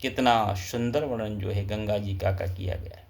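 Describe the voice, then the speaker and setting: A man's voice: on the low side, fairly even intonation, normal speed, a little mellow. A man giving a devotional scripture discourse as a pandit, speaking reverently and chanting Sanskrit verses.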